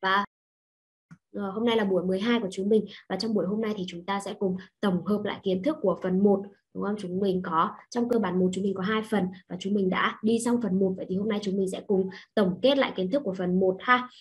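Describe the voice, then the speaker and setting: A woman's voice: mid-range voice, fairly even intonation, fairly quick. Vietnamese woman teaching a lesson. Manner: patient, checking in with the class. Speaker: Chinese teacher. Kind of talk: online language lesson.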